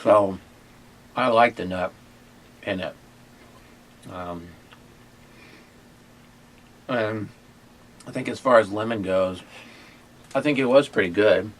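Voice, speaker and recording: A man hosting a casual food tasting video, talking in a halting way with many pauses and fillers. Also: on the low side, a little hiss or hum. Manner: hesitant, many fillers and restarts. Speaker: ministry owner and host. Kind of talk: casual chat and taste test.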